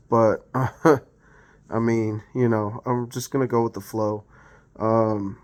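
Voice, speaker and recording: A man talks through a sports league recap in a loose, off-the-cuff way, his voice smooth and resonant. He fills gaps with ums and uhs and keeps backing up to fix what he just said. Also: mid-range voice. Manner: rambling, full of ums and uhs, self-correcting. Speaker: fantasy football league recap host. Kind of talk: casual unscripted sports recap.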